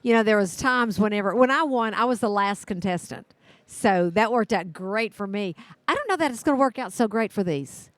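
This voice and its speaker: A woman co-commentating on a contest in a casual, conversational way, somewhat halting as she thinks aloud. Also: mid-range voice, expressive, no room sound. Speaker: co-commentator, former contest winner.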